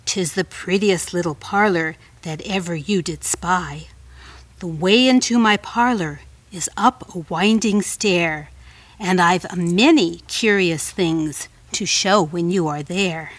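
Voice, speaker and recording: A woman voicing a cunning, sweet-talking male spider in a storybook reading, with a low, hushed, coaxing manner. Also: slow, no room sound, recorded from a distance.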